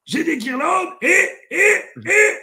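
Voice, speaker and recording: Shameless old grandpa for a comedy sketch: squeaky, sharp-toned, rambling, blurts out curses. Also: male voice, animated, takes it slowly, full character voice. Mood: crude rambling. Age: older. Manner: rambling, foul-mouthed, bursts into shouts.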